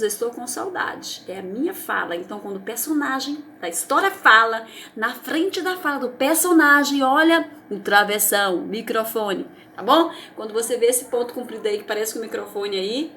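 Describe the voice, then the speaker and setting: A Brazilian woman teacher with a fairly high voice walks young children through a review lesson. She is patient and encouraging and keeps checking that they follow. Faint noise sits under the recording. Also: fairly bright tone. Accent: Brazilian Portuguese. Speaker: primary school teacher.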